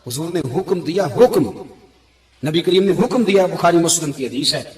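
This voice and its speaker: A man preaching an emotional sermon, telling stories dramatically and swinging between loud exclamations and hushed narration. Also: on the high side, lively intonation, echoey room. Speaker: Islamic preacher.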